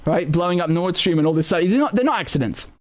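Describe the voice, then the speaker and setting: A man hosting a live stream, talking through current events in a casual, animated and sardonic way, often repeating words and swearing. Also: high voice, fast talker.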